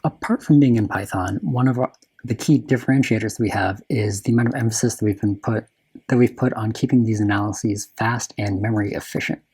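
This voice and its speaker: Slightly husky man presenting a technical talk. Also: on the low side, a little fast, a little mellow, low-quality recording. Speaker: software developer presenting a conference talk.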